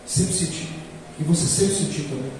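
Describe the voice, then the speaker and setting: High-voiced preacher in an echoey hall. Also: male voice, moderate pace, far from the mic, a little hiss or hum. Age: 40s. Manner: emphatic preaching, swings from quiet to loud. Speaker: pastor. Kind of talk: sermon.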